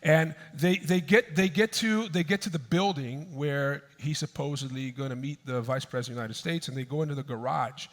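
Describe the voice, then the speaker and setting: A male pastor preaching a sermon, telling a story in an animated way and breaking into raised, panicked voices for the people in it. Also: on the high side, brisk, few pauses, in a large hall. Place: church sanctuary.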